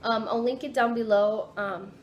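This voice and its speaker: A young woman with a fairly high voice rambles through a casual storytime vlog, full of fillers, restarts and sudden excitement. She talks into a camera in her home kitchen, with a faint hum of room noise behind her. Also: moderate pace, lo-fi sound. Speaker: vlogger.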